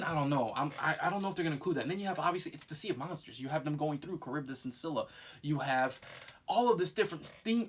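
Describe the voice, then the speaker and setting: A man's voice: fairly high pitch, fairly bright tone. A man giving casual, unscripted fan commentary in a nervous, rambling way, circling back and repeating himself.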